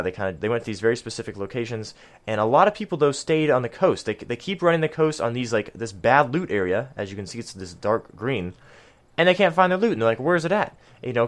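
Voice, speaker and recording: A man giving a casual map guide for a video game, chatty, with lots of ums and self-deprecating asides. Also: fairly low pitch. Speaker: gaming video creator.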